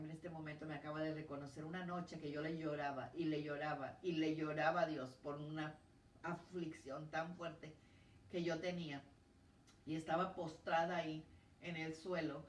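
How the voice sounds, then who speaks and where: Low-voiced woman preaching in an echoey church. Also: a little hiss or hum. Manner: earnest, emotional storytelling. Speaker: preacher giving testimony. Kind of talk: sermon. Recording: echoey church hall from a distance.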